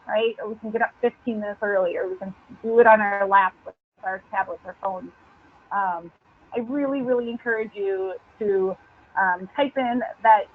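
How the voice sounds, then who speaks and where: A woman's voice: medium pitch, husky. A woman hosts a team call and urges everyone to join in, earnest and frank in an upbeat way. Her voice comes through a thin, tinny phone line. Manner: earnest, blunt, upbeat urging. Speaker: team leader hosting a meeting call. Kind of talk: encouraging team talk.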